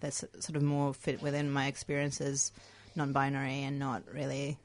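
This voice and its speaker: A woman's voice: a bass voice, monotone, normal speed. An Australian woman co-hosting a casual radio chat, reflective and hesitant with many fillers, often breaking into laughter. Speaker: radio co-host. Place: radio studio.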